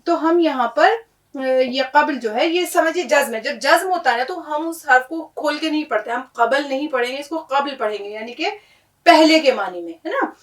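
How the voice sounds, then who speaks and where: A woman's voice: high-pitched, lively intonation, distant mic, poor audio. A woman teaching Urdu pronunciation, patiently explaining each word and checking in with her listeners.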